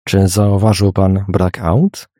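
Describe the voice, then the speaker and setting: A man voicing a young woman in an audiobook, brisk and cheerful but a little evasive. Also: low-pitched, flat delivery, dark tone, no echo, studio quality. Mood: guarded. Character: young woman driving a carriage, teasing and guarded.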